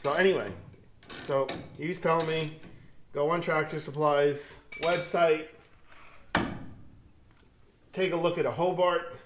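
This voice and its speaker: Man, fabricator vlogging from his garage, unhurried, slightly high voice, explains as he works. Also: background noise. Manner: relaxed, explains work step by step while working. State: out of breath at times. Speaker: metal fabricator. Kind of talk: casual shop vlog talk.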